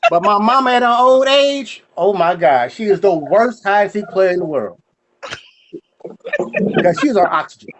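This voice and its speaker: A young adult man performing a stand-up set, telling loose conversational stories and doing quick voices for the people in them. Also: high-pitched, expressive, a bit bright. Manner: storytelling with voices for friends and family, loose and conversational. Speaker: stand-up comedian.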